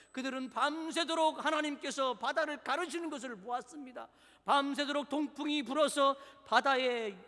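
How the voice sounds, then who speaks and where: A man preaching a sermon as pastor, dramatic, swinging from loud declarations to hushed near-whispers. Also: very high-pitched. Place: church sanctuary. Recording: church hall with long reverb.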